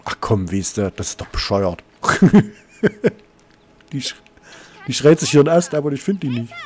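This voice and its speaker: A man's voice: mid-range voice, big pitch swings, moderate pace, slight background noise. A man commenting on his gameplay, exasperated and swearing, talking to his viewers. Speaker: let's play host.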